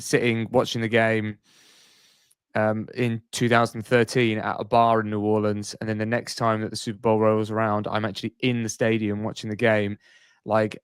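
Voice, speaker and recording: A man's voice: medium pitch, smooth, dry recording. A man in his thirties, a radio sports broadcaster, chatting as a podcast guest in an enthusiastic, emphatic way. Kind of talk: casual podcast chat.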